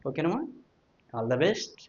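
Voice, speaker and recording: In a fairly high, darkish, sing-song voice, a Telugu-accented male physics teacher takes his time walking students through exam prep. He mixes Telugu and English and reinforces points with repetition and check questions, recorded in dull, lo-fi audio.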